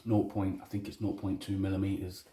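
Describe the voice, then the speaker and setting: A man's voice: low-pitched, flat delivery, fairly quick, mellow. A man with a Leicester accent talking off the cuff in a blunt, sweary, self-deprecating way, like a maker presenting his own project. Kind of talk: casual unscripted monologue. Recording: roomy, echoey indoor sound.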